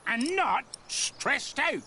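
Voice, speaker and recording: A man's voice: extremely high pitch, sing-song, extremely slow, bright, forceful tone, a little hiss or hum, exaggerated voice. An actor playing a lazy, drunk male laborer who talks back defiantly, in video game voice acting. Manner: defiant, sulky.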